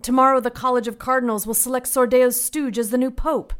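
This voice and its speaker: A man putting on a higher voice for a terse, cryptic informant. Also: steady tone, brisk, fairly bright tone. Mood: ominous.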